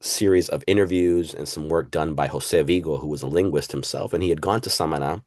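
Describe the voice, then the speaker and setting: A man's voice: rumbling low, fairly quick, a little mellow, a little hiss or hum. A man from Puerto Rico talking as a guest historian in an interview, reflective, with many fillers and asides. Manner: reflective, uses fillers and "right?". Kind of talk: casual interview talk.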